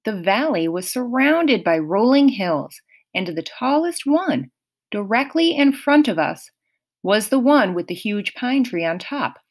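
Woman, audiobook narration, first person, slow, lively intonation. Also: mid-range voice. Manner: unhurried, expressive reading. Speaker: audiobook reader.

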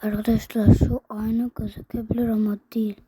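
Whispering woman with a dark, hoarse voice. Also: a little high, flat delivery, fairly quick, a little hiss or hum, rough recording. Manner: soft whisper, addressing viewers as friends. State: ill, voice going hoarse at times. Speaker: vlogger. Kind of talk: whispered show-and-tell vlog.

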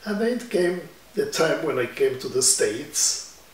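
Recorded from a distant mic in a room hung with guitars, this musician from Ecuador, in his 70s, has a voice that runs a little high with big swings in pitch. He talks slowly, telling reflective stories with hand gestures for an oral history interview.

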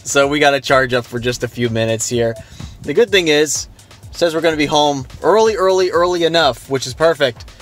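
Driving down the highway, this vlogger narrates his road trip from the car in a slightly high, brisk voice over soft background music. He's casual, chatty and upbeat, thinking out loud with plenty of fillers.

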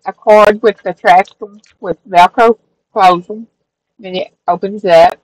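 This crafting channel host, a middle-aged woman, pages through her handmade journal at her craft-room table, talking a little slowly in a medium-pitched voice. She rambles easily, using fillers and correcting herself along the way, and the audio is poor but free of echo.

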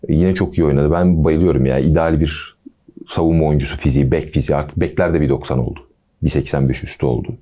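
A man hosting a football podcast, talking casually with a relaxed, chatty manner and jokey asides. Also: rumbling low, quick pace.

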